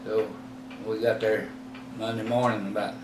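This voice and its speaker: In a recorded oral history interview, a man in his eighties from Texas slowly reminisces, halting and rambling with numerous fillers and self-corrections. His voice is on the low side, with a level tone. The recording is roomy and distant, with clear background noise.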